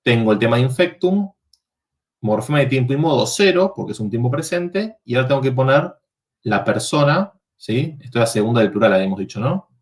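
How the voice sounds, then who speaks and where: A man's voice: mid-range voice, animated, fairly quick. A man teaching a university Latin workshop, explaining verb forms step by step and checking in with the students.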